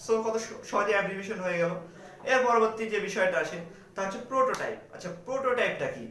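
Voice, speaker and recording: A high-pitched man lectures step by step, posing questions to himself and answering them. His voice sits some way off the mic and rings around a roomy, echoey space. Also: animated, quick pace, pushed and bright. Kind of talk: explanatory lecture. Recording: echoey room, mic at a distance.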